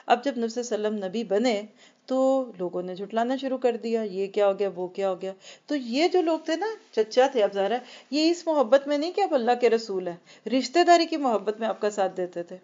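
A woman giving a Quran lesson to women, explaining earnestly with rhetorical questions and slowing right down to recite verses. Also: a little high, animated, warm tone. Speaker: Quran teacher. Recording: dull lo-fi recording.

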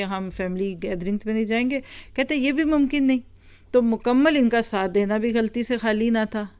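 A woman with a smooth, medium-pitched voice delivers a religious teaching lecture. She reads passages from a book, explains the words, and talks straight to her audience.

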